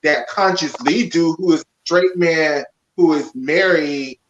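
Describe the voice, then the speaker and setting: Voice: mid-range voice, a little slow, a little hiss or hum. A podcast co-host pushing back in casual chat, arguing a point and acting out other people's reactions. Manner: argumentative, acts out quoted voices. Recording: echoey, dull lo-fi audio.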